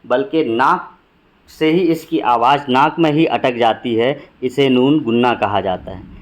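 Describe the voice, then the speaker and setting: A man teaching a grammar lesson for exam preparation, patiently listing example words one at a time and repeating them. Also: fairly high pitch.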